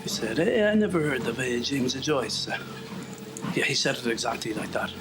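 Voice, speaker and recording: Walking on his home treadmill, an Irish man hosting a podcast talks to himself in a meandering, highly animated way at a moderate pace, his medium-pitched voice interrupted by sniffles and wry jabs at himself. The audio is very noisy, with music running underneath.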